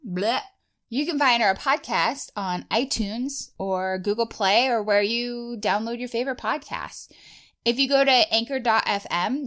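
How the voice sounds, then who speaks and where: Female co-host, clear and rounded tone, relaxed filler-heavy banter. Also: medium pitch. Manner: chatty, many "like" fillers. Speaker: podcast co-host. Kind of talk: casual chat.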